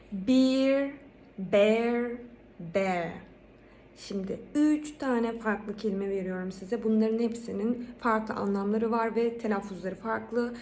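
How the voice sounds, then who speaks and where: A Turkish-accented woman with a fairly high voice teaches English pronunciation. She says each example word with a louder, lifted stress, then explains it calmly. Faint room noise sits under her voice. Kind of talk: pronunciation lesson.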